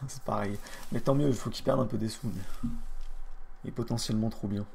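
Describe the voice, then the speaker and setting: A man's voice: on the low side, fairly even intonation, normal speed, gravelly, darkish tone, slight background noise. A man streaming a board game online, casually commenting and mocking the other players with crude trash talk, often muttering under his breath.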